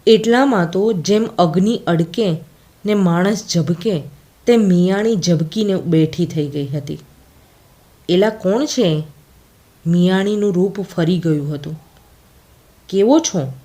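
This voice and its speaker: A woman narrates a short story with a Gujarati accent at a slow, measured pace. Her voice sits a little low for a woman. She tells it deliberately, in a scripted audiobook style. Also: dark tone.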